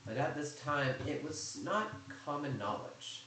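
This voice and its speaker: A man's voice: a little high, expressive, measured pace, sharp tone. A man casually telling a rambling story about his game server, chatty and full of sarcastic asides. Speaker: YouTuber recounting server drama. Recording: very echoey room, faint noise.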